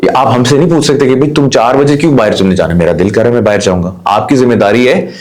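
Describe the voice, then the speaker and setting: A man's voice: medium pitch, fast, a little mellow. A man hosting a podcast discussion, talking with passion and mixing in English. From Pakistan. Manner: impassioned, mixes English into Urdu. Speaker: host.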